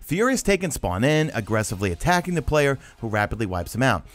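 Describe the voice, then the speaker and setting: A gaming news host with a medium-pitched voice talks fast and very animatedly, reading articles aloud and breaking them down in casual, emphatic commentary. It's a voice-over with background music.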